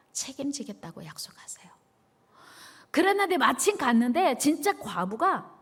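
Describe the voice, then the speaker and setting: Woman pastor, animated sermon, high lively pitch, drives call-and-response. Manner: emphatic repetition.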